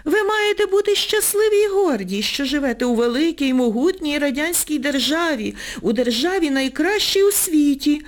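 A haughty, preachy schoolgirl, as a woman reader puts her on, bossy and scornful, her voice leaping high and loud when she scolds. She lectures the other children in a storybook, full of self-righteous indignation. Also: lively intonation, moderate pace, few pauses. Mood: lecturing. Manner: indignant, lecturing, shrill outbursts.

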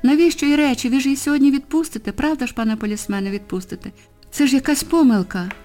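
A woman's voice: fairly high pitch, fast talker, warm tone, soft background music, close to an everyday voice. A woman voicing a frightened young actress who pleads and protests on behalf of her friend in a storybook reading. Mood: pleading. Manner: pleading, alarmed.

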